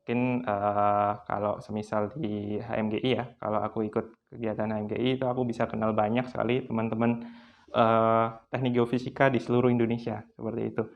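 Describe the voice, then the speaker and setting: A twenty-one-year-old man, a student guest, speaking thoughtfully with pauses and fillers. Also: fairly low pitch, flat delivery, vocal fry, highs cut off. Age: young adult.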